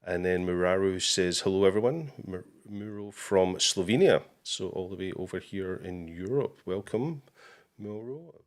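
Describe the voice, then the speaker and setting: A man's voice: sits low, moderate pace. A man hosting a live-stream interview, casually reading out viewer comments with easy fillers. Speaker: host.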